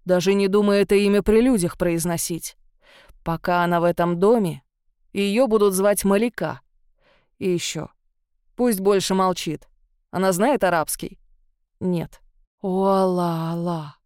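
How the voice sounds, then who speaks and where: A woman's voice: fairly low pitch, fairly even intonation, unhurried, long pauses, darkish tone, smooth, dry recording, clean studio sound, lightly acted. A woman voicing a stern, domineering older father who scolds his son. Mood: scolding. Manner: commanding, scolding.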